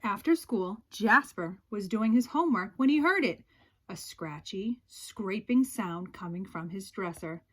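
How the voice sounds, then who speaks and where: Reading a children's picture book aloud, a storyteller with a medium-pitched voice performs it expressively and dramatically, stretching out the suspenseful moments.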